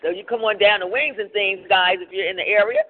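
A woman's voice: mid-range voice, brisk. A woman hosting a casual live radio call-in show, eating as she talks. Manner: eating while talking. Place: restaurant, live remote broadcast. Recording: narrow, phone-like remote broadcast line.

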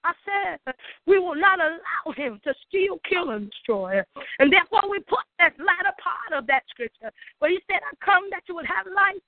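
A woman's voice: very high voice, no room sound. A woman leading a fervent spoken prayer, declaring each line with passion and many uh fillers. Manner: impassioned, declaring, with frequent uh fillers. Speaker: prayer leader. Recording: tinny phone line, dry.

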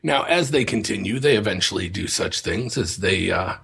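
Male podcast co-host with a rough, gravelly rasp and a low voice, loosely summarizing stories. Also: animated, normal speed, a bit bright. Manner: reads a synopsis aloud, summarizes from memory. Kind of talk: casual chat.

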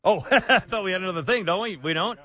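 A man's voice: high voice, fast talker, lo-fi sound, soft background music. A man hosting a talk radio show, rambling and sarcastic, often exasperated, speaking from a studio. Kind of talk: casual talk radio banter. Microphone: studio microphone.

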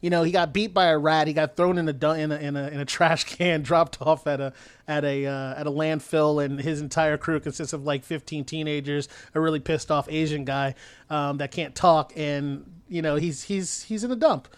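A man's voice: on the high side, steady tone, normal speed, clear, resonant tone, no room sound. A man co-hosting a podcast, retelling a movie plot in a rambling, hesitant way with frequent laughs. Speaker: podcast co-host. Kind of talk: casual movie recap chat.

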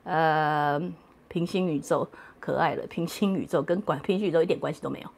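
A woman's voice: sits low, fairly quick, vocal fry, a little mellow. A woman casually answering viewer questions on a late-night livestream. She is chatty and playful, laughs often and drops English words into her talk.

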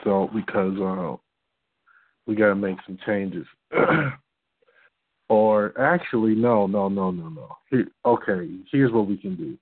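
A man speaks over a phone line at an unhurried crawl, his low voice stopping and restarting as he thinks aloud. The line is tinny and bone dry. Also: no echo. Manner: hesitant, full of fillers and restarts. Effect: heard over a phone line.

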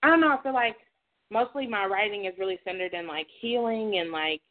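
A woman's voice: mid-range voice, a little fast. Hesitant woman caller over the phone. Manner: hesitant, many fillers. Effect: heard over the phone. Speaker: caller, poet and creative writer. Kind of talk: casual chat. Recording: tinny phone line.

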